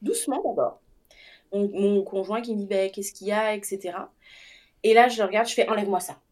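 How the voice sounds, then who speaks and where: This is a young woman telling her own tale in casual conversation at a brisk pace. Her pitch is medium, and she stays animated throughout, acting out quoted lines and breaking into laughter often.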